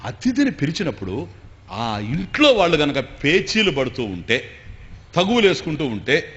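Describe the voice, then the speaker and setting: Man doing a hot-tempered husband, loud bursts, sharp bright tone, hall reverb. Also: fairly high pitch, huge pitch swings, moderate pace, muffled recording. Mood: scheming.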